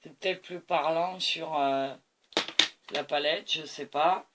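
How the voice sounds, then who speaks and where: A woman's voice: sits low, takes it slowly, heavy background noise. A tired woman hosting a painting tutorial, talking to camera as she mixes colors and keeps praising them. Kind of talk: art demonstration talk to camera.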